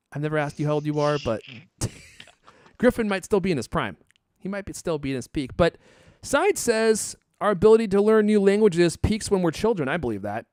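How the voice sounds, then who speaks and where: In a clean studio recording without echo, this male podcast host's fairly high, slightly mellow voice carries casual chatter and ad reads, delivered teasingly with jokes and theatrical emphasis.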